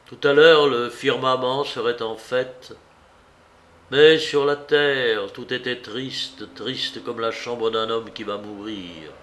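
Slow, somber male audiobook narrator. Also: mid-range voice, fairly even intonation, a bit bright, slight background noise. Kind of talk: audiobook reading.

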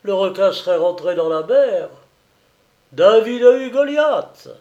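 A man voicing a gruff, pious old male sailor in an audiobook, talking in loud, rough exclamations. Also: high voice, animated, measured pace, lo-fi sound, pitched above the performer's own voice. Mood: fierce, excited.

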